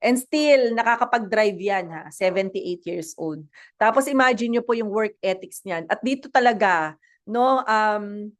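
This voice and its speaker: A woman's voice: a little high, unhurried. A woman with a Filipino accent giving a chatty motivational talk as a network marketing speaker, mixing in English and asking the audience questions. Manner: chatty, mixes English and Tagalog, asks the audience.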